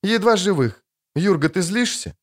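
A man's voice: high voice, animated, normal speed, pitched above the performer's own voice. Man voicing a tender, fretful village wife. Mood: pleading. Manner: pleading, breathless, emotional. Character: anxious loving middle-aged village wife.

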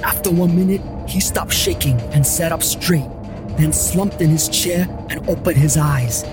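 A man's voice: on the high side, measured pace. A man narrating a paranormal detective story in the first person, with a wry, joking delivery over background music.

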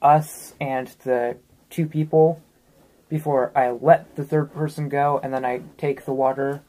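A woman's voice: a bass voice, steady tone, unhurried, mellow, poor audio. A woman playing in a tabletop game, talking hesitantly with many ums and restarts. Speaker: player. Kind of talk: casual tabletop play.

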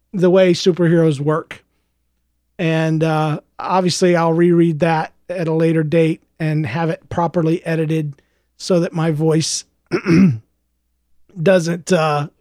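A man with a high, slightly gravelly voice and a darkish tone reads from his own book, then chats with his listeners as a podcast host. In the chat he is hesitant, with lots of fillers and restarts. The studio recording is clean, with no echo.

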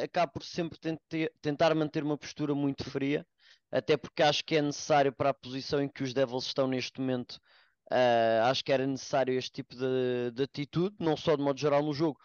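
Fast-talking Portuguese man, slightly dull audio. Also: fairly high pitch, smooth, no room sound. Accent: European Portuguese. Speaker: American football player, podcast guest. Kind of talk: casual podcast discussion.

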